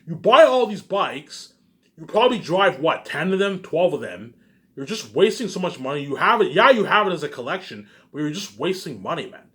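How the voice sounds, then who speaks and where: A fairly high, slightly bright male voice delivers a loose, improvised monologue. He loops back over the same phrases, with casual curse words and tag questions thrown in.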